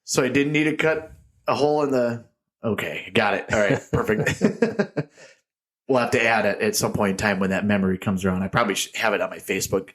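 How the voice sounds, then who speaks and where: Speaking briskly in a voice on the low side, a man co-hosts a casual beer podcast. His talk wanders into jokey tangents with frequent laughter, and the small echoey room makes it sound tinny.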